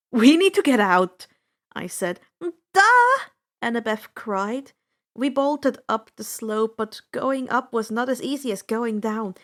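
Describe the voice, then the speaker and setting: A high-voiced woman reads adventure fan fiction in audiobook style, narrating a dramatic first-person story. Her delivery is slow, deliberate and expressive.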